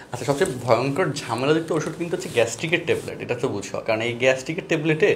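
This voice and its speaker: A young male tutor with a Bangladeshi accent runs an online math class at a rapid clip. He talks in a chatty, rambling way and keeps checking that his students follow. A faint hiss sits under his voice. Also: medium pitch. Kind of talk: casual online class talk.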